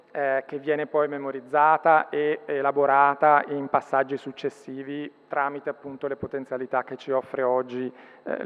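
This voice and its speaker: A man giving a formal conference presentation, pausing often with fillers. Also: medium pitch, clean tone. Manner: hesitant, many fillers. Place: large conference hall. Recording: tinny sound with long hall reverb.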